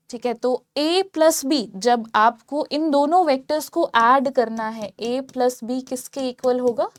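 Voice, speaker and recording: A woman's voice: sits high, no room sound, clean studio sound. A woman teaching physics in a lecture, explaining step by step and often checking that listeners follow. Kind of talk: whiteboard lecture in mixed Hindi and English.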